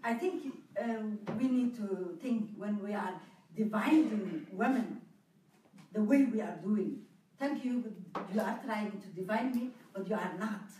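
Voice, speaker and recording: A woman speaking earnestly on a discussion panel, halting now and then with fillers. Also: medium pitch, dark tone, a little hiss or hum. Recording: very echoey hall, far from mic.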